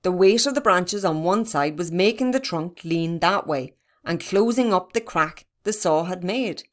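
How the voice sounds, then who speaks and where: A woman narrating a children's storybook in a steady, even reading. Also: lowish voice, a little slow. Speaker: reader.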